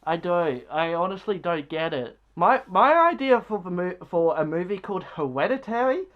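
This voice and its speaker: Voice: mid-range voice, lively intonation, moderate pace. Casual movie review, rambling, filler-heavy, blunt, dismissive tone, slightly muffled lo-fi sound.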